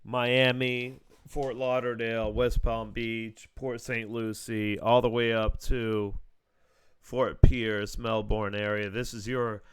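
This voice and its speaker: Guy doing his own weather forecast, really slow, dry close sound, thinking out loud and giving opinions. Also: medium pitch, flat delivery, clear, resonant tone, no echo. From Southeast Florida, US. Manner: opinionated, plain-spoken, thinking aloud. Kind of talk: informal unscripted forecast commentary.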